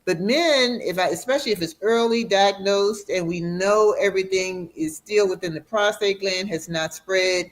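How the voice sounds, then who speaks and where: A middle-aged woman, a radiation oncologist, explaining in an interview, slowing down to stress key points. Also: mid-range voice. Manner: warm, explanatory, slows for emphasis. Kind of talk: educational interview.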